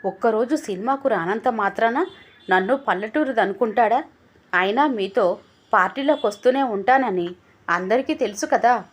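A woman's voice: on the high side, normal speed, close to an everyday voice. A woman reading as a hurt, defiant young wife. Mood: resentful. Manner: trembling, resentful.

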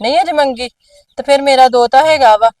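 A woman plays a domineering, scheming mother who scolds sharply and bosses the people around her. Her voice is high for a woman. It is recorded dry, with no room echo, and picked up from a little way off the mic. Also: fairly quick, a little mellow, far from the mic, natural voice. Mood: sweet-talking. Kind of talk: amateur drama acting.

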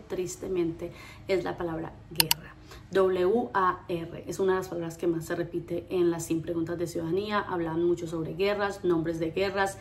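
A woman teaching a pronunciation lesson, lively, drilling words slowly and repeating them. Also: on the low side, background noise. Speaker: English teacher.

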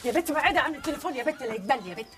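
A woman's voice: sits high, animated, racing. A weary scolding mother. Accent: Egyptian Arabic. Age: older. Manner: scolding, complaining. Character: weary, grumbling working-class mother.

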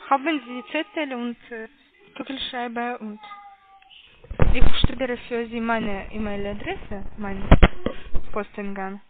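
A call centre caller, a woman with a foreign accent whose first language isn't German, moves slowly and hesitantly through a sales call, carefully spelling things out. Her fairly high, fairly even voice is squeezed by a narrow phone line, with heavy background noise behind her.

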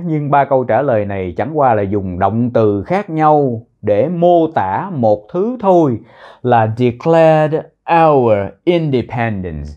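A man teaching a citizenship test lesson, repeating words slowly in pronunciation drills. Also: medium pitch, muffled recording. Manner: slow, drawn-out pronunciation drills.

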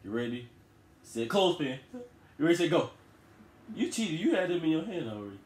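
Young male, playful slangy banter, very animated delivery, echoey bedroom recording. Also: on the high side, a little fast. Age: young adult. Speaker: challenge participant. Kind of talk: casual joking banter. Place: small bedroom, indoors. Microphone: camera a few feet away. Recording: echoey room with background noise.

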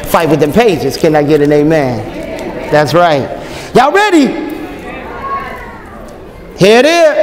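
An animated male preacher with a high voice delivers a lively conference sermon in a large hotel ballroom. He jokes and trades call-and-response with the live audience, and the recording has long hall reverb and a faint crowd.

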